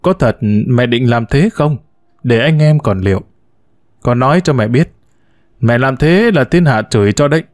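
A man's voice: mid-range voice, expressive, moderate pace, a little mellow, no echo, studio quality, natural voice. Man voicing a stern eldest son. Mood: reproachful. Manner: reproachful.

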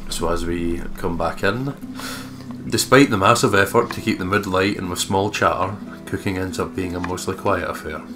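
Over music, a low-voiced man co-hosts a game playthrough at a normal speed. He reads on-screen text aloud and blends in casual remarks and jokes.

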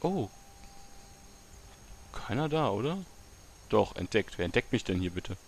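A man giving casual let's play commentary, muttering to himself with excitable outbursts. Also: lowish voice, measured pace, gravelly, slight background noise.

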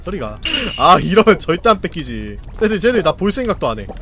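A man streaming a party game, commenting live, often yelling and laughing at the action and cursing at rival players. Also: a little high, very animated, a little fast, soft background music. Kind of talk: excited gameplay commentary.

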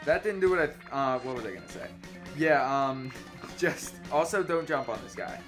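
A man's voice: a little high, moderate pace. A young man giving casual, informal, rambling gameplay commentary as the host of a let's play. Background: game music.

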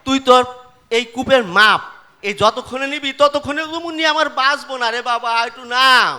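A young male actor playing a frantic rural father who shouts and pleads with his sons, in colloquial Bangladeshi Bengali. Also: extremely high pitch, fairly quick, heavily acted. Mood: pleading. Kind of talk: amateur stage drama.

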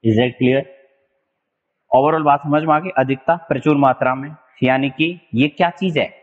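A man from Rajasthan teaching English vocabulary for exams, mixing Hindi and English and repeating words slowly to stress them. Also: medium pitch, fairly even intonation, long reverb tail, narrow, tinny audio. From Rajasthan, India. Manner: explains in a mix of Hindi and English, drawn-out repeated words, spells out letters. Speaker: exam-prep English teacher. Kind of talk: online vocabulary lesson.

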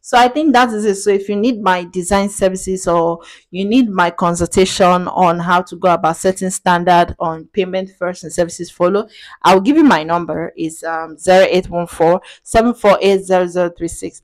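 A woman's voice: fairly low pitch, fairly even intonation, moderate pace. A young adult woman, a digital marketing agency owner, talking casually and directly to her viewers. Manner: direct, matter-of-fact, with fillers. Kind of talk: casual talk to camera.

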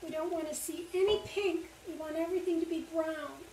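Filmed from a few feet away, this cooking demonstration has an older library instructor explaining a recipe to kids one step at a time. She speaks briskly in a very high, steady, slightly mellow voice; the distant, echoey kitchen recording carries a little hiss or hum and faint sizzling meat.

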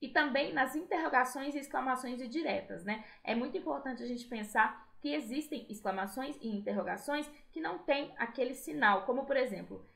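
A woman's voice: sits high, fairly quick, vocal fry, hardly any pauses, a bit bright. A woman, teaching a recorded school lesson and checking with "né?" and "tá?". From Brazil. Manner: explanatory, frequent "né?" and "tá?" checks. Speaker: Spanish teacher. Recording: echoey room.

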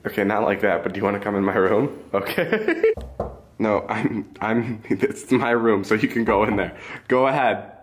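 A man's voice: on the low side, lively intonation, moderate pace. Giggly young man vlogging. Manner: giggly, playful, laughs often. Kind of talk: casual vlog chat. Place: home.

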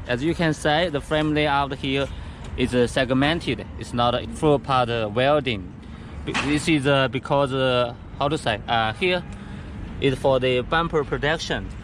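A man giving a product walkthrough of a go kart outdoors, speaking halting English with many fillers and restarts. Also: medium pitch, a bit bright. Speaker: factory sales rep showing a go kart. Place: outdoors beside go karts on pavement. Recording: outdoor camera audio with background noise.

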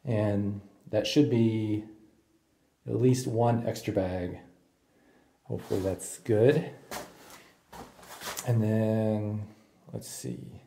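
Slow, mellow-voiced man narrating DIY work. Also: fairly low pitch, fairly even intonation, creaky. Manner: plain, thinking aloud with fillers and restarts. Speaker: DIY home renovator. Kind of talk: casual first-person narration. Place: unfinished basement room indoors.

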